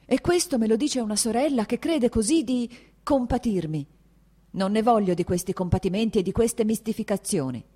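A woman's voice: on the low side, lively intonation, fairly quick. Woman voicing Kitty, a proud hurt young woman. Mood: furious. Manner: sharp, agitated, raised voice.

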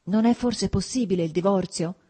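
A woman's voice: medium pitch, normal speed, dark tone, breathy edge, natural voice. A woman reading aloud, voicing a young male officer who speaks earnestly and insistently, pleading to be heard.

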